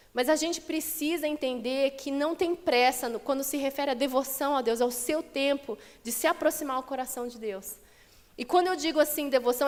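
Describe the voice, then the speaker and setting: In a church sanctuary with a long, echoing reverb, a pastor with a high voice gives a sermon. Her style is lively and conversational, and she performs the quotes she cites.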